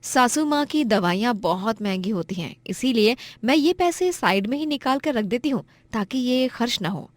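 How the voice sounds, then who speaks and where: A woman's voice: fairly high pitch, expressive, normal speed, few pauses, dry recording, lightly acted. Woman voicing a defiant young daughter-in-law. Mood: calm. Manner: scolding, indignant.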